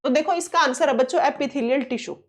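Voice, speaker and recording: A woman with a high voice teaches a science lesson for exam preparation. She asks questions and answers them herself, hammering home the key terms. She keeps reassuring her students. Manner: coaxing, reassuring tone toward students; reads English question text slowly.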